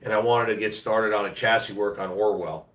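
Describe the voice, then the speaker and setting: A man's voice: on the low side, fairly even intonation, brisk, a bit bright. A man hosting a casual livestream from home, talking bluntly and slangily in a congested, nasal, worn-out voice while under the weather. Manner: blunt, slangy, plain-spoken. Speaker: live stream host. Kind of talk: casual rambling livestream chat. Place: at home, roomy-sounding indoor space. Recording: echoey room, distant mic.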